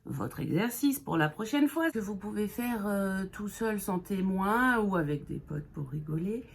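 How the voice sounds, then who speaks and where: A woman's voice: mid-range voice, expressive, a little slow, vocal fry, slightly rough. A woman giving a humorous beginner English lesson in French, playful and jokey, with whispered asides. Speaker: English teacher.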